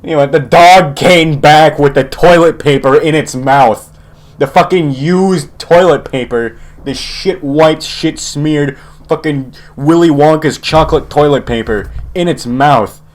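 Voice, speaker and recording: A man's voice: on the high side, a little slow. Rambling, profane young man. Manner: rambling, heavy swearing, frequent chuckles. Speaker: channel host. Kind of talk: casual storytelling.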